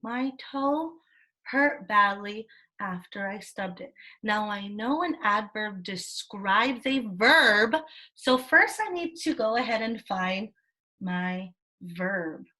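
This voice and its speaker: A woman's voice: mid-range voice, lively intonation, slow pace, pushed and bright. A woman teaching a children's class over a video call, encouraging and sing-song as she prompts her students. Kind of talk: online class lesson for children. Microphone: laptop mic on a video call.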